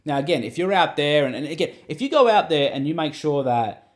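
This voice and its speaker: In a loose, chatty advice session, an acting coach and podcast host rambles with frequent "you know what I mean"s. He speaks briskly, with an animated, fairly high voice.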